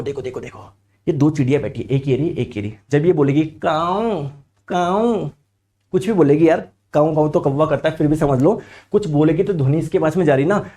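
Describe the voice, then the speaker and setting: A male teacher with a sore throat, giving an animated lecture. He keeps asking his students questions and then answers in their voice. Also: fairly high pitch. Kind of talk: lively classroom lecture.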